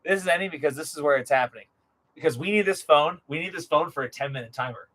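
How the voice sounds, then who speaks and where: Speaking fast in a high, fairly bright voice, this livestream host delivers hyped, casual patter. He plays the showman and keeps repeating phrases to drive them home, all over a distinctly noisy live recording.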